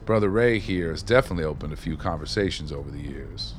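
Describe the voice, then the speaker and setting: With faint music in the background, an actor delivers radio play dialogue as a wry, streetwise former maintenance man looking back on the past in folksy, colloquial tales. His bass voice moves quickly with lively intonation.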